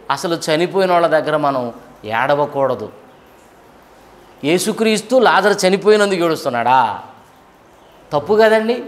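A man's voice: sits high, fairly bright tone. A middle-aged man from India preaching a sermon, asking questions and pressing his points with rising and falling intensity. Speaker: pastor.

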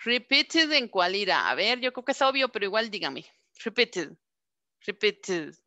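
In an online lesson, a woman teacher patiently goes over English verbs one at a time, pronouncing each slowly for practice. She speaks at a medium pitch in a sing-song way, her bright, clear voice recorded close and dry without echo.

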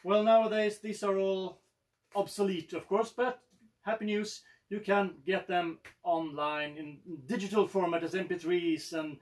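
A man's voice: high-pitched, steady tone, unhurried. Swedish man in his forties, joking. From Sweden. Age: 40s. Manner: dry joking. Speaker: musician and concert host. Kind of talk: casual stage chat. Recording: from a distance.

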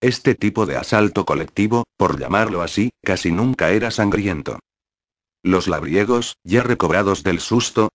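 A man narrating a first-person memoir as an audiobook, reading in a measured, steady way. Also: low-pitched, no echo, clean studio sound.

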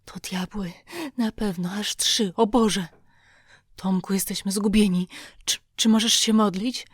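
A woman's voice: medium pitch, steady tone, moderate pace, dry recording, studio quality, natural voice. Huckleberry Finn, a trembling whispering boy voiced by a woman. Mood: panicked. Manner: breathy, quavering whisper. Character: terrified scruffy boy, superstitious, trembling. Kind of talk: audiobook character voice.

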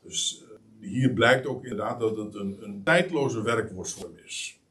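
A man's voice: on the low side, measured pace, far from the mic. A man delivers a sermon in a church hall, his voice swinging up and down with emphasis. He halts often and restarts mid-thought. The mic sits some way off from him. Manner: lively, emphatic preaching with many hesitations. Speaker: preacher.

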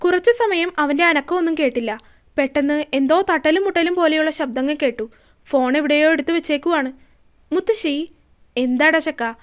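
A woman narrating a romance story in a calm, steady reading voice. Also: high-pitched, brisk.

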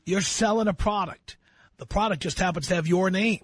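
A man's voice: high voice, a little fast, slightly rough, dry recording. A man hosting a call-in radio show, giving blunt, lecturing career advice to a caller. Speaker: radio talk show host.

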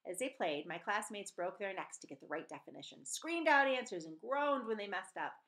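Reading a novel aloud in a fairly quick, mid-range voice, a woman in her forties gives an animated, expressive performance with a few slips she catches and corrects. She's in a small room at home, indoors, using her computer's webcam mic from desk distance.

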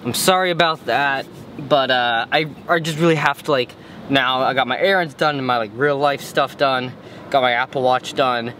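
A man's voice: mid-range voice, normal speed, sharp tone, slight background noise. A young man in his twenties vlogging to a handheld camera, chatting loosely with lots of fillers about his home music studio. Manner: rambling, filler-heavy with lots of "like" and "um". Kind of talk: casual vlog talk to camera. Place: outdoors in an apartment parking lot, then a small home music studio. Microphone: handheld vlog camera close to the face.

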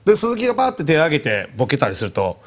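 A man's voice: a little high, racing. A young adult man with a Kansai accent, telling a comic anecdote as a comedian on a TV panel and acting out the voices of the people in it. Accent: Kansai Japanese. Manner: animated storyteller, acts out quoted voices.

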